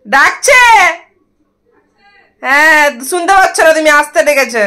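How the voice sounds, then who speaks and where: High-voiced woman cooing at her parrot. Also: lively intonation, a little slow, sharp tone, poor audio. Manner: coaxing, affectionate baby-talk to the bird. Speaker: vlogger and pet owner. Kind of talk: casual talk to a pet parrot.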